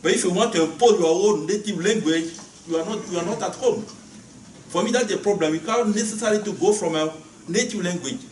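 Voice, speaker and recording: A high-voiced man from Benin, whose first language is Ewe, speaks English as a guest lecturer fielding questions in a lecture hall. He often pauses and repeats words while searching for phrasing. The recording is echoey, with his voice distant and faint noise present.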